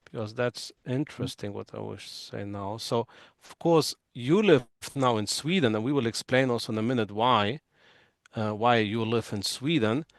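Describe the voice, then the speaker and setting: A man's voice: mid-range voice, moderate pace, no room sound. A man hosting a live interview, talking things through with many fillers and false starts. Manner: hesitant, filler-heavy, thinking aloud. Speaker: interviewer and host.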